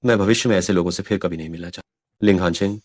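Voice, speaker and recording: An actor playing a cold, scornful rich young master in a Hindi drama dub. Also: male voice, deep voice, fast talker, darkish tone, no echo, clean studio sound.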